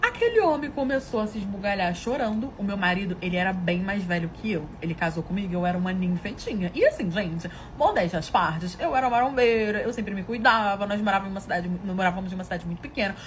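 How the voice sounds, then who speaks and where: A woman's voice: mid-range voice, quick pace, few pauses, a little hiss or hum. A woman telling a dramatic personal story in a casual, gossipy way, acting out what others said. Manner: gossipy, dramatic, quotes people in changed voices.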